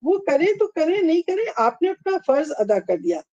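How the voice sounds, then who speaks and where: A woman giving a religious talk in an earnest, pleading way, gently urging her listeners. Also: high voice, big pitch swings, dry recording, muffled recording. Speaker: religious lecturer.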